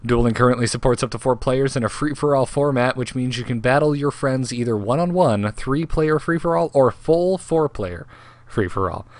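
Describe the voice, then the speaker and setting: A man's voice: medium pitch, moderate pace, no echo. A man hosting a casual gaming news podcast, joking and laughing often while he reads patch notes aloud. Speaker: host.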